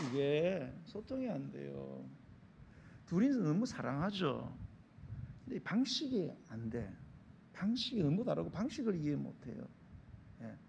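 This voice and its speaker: 생동감 있게 설교하는 남자 목사. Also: male voice, a little high, vocal fry, slight background noise. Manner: acts out dialogues in character voices; asks the congregation rhetorical questions. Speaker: pastor. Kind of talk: sermon. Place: church sanctuary.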